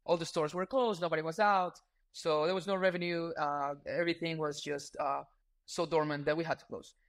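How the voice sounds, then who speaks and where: A man in his thirties from Ecuador, a startup founder talking as a podcast guest in a relaxed, earnest way with frequent fillers. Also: a little high, a little fast. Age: 30s. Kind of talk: casual interview talk.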